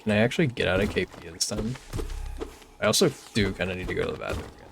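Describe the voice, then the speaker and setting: A man's voice: low voice, very animated, quick pace, vocal fry, noisy background. A young man streaming a game, chatting casually with his chat and sprinkling in lots of "like"s. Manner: chatty and easygoing, many filler "like"s. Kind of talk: casual gameplay commentary, reading chat.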